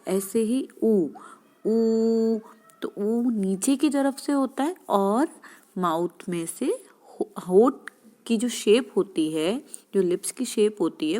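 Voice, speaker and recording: A woman's voice: mid-range voice, a little mellow. A woman teacher giving a lesson, explaining and sounding out speech sounds one by one. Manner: slow, explanatory, demonstrates sounds aloud. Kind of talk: classroom lesson.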